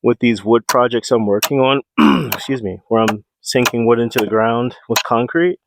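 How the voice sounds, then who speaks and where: A man's voice: medium pitch, steady tone, moderate pace, vocal fry, background noise. A man vlogging while he does outdoor building work. He thinks aloud with lots of fillers, talks into a close clip-on mic and breathes heavily from the work. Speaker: homesteading vlogger. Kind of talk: casual talk while working. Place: outdoors at a homestead. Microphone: small clip-on mic close to the mouth.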